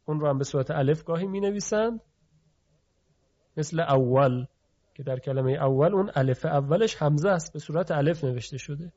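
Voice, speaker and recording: A man's voice: fairly high pitch, a little mellow. A man teaching pronunciation of letters in a lecture, stretching out key terms and asking rhetorical questions. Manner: explanatory, drawn-out emphasis on key terms, asks rhetorical questions. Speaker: teacher of Quran recitation phonetics. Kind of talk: classroom lecture. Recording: dull lo-fi recording.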